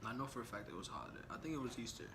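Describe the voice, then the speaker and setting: A young man tells stories in a relaxed, slangy way, wandering off track and chuckling as he goes. He sits at a medium pitch. There is steady background noise in the room. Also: racing. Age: young adult. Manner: laid-back, slangy and rambling, laughs often. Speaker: vlogger. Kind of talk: casual story time chat.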